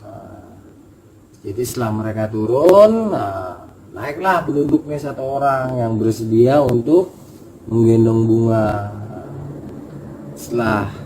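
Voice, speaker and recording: A man's voice: mid-range voice, animated, slow, pauses often, warm tone. A man telling a hiking story in a casual, emotional and earnest way. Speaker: storyteller recounting a hiking experience. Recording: noisy background ambience.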